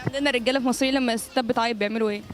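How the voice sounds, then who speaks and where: Egyptian lady interviewer, high voice, talks super fast, teasing folks on the street. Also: steady tone, faint music behind. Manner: playful, mocking.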